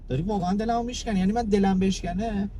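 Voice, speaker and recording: A man's voice: high voice, fairly even intonation. A man in a hidden-camera prank, driving and flirting with a passenger in a pushy, teasing way. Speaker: prank driver. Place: inside a car. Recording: noisy car interior.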